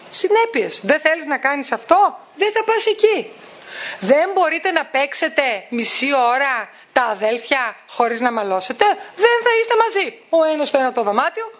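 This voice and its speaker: A woman with a high voice gives parents advice and acts out the voices of parents and children with a lot of energy. Her pitch rises sharply on key words. The recording sounds dull and muffled. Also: fairly bright tone. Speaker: parenting educator. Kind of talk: talk giving advice to parents.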